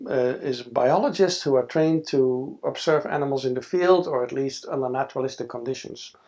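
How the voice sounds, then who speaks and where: Recorded in a backdrop-lined studio on a lapel mic, this interviewee is a scientist from the Netherlands in his sixties with a Dutch accent. His mid-range voice sounds creaky and a touch mellow. Reflecting in an oral history interview, he often restarts and fills pauses.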